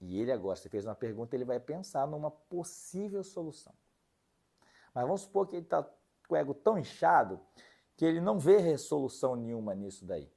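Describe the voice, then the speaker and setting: A man's voice: mid-range voice, big pitch swings, fast talker, creaky, dark tone, breathy edge. A man teaching an online leadership lesson, explaining in short steps, checking in with the listener and acting out sample dialogues. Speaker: leadership course instructor.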